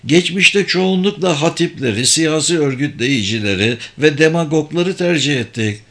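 In this audiobook clip, a man gives voice to a superior, persuasive sorcerer who pulls the strings of secret political games. His delivery is formal and insistent, a little high and a bit bright, animated at a normal speed. He sounds assured as he explains.

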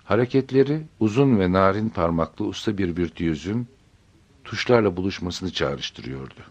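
Male audiobook narrator, low and husky, steady measured storytelling. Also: lo-fi sound.

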